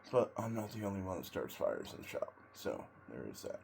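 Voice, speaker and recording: A man sitting in ice cold water, giving a casual, rambling monologue in a halting way with long pauses between short phrases. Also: low-pitched, big pitch swings, creaky, darkish tone, a little hiss or hum. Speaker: vlogger, tradesman in auto body and paint.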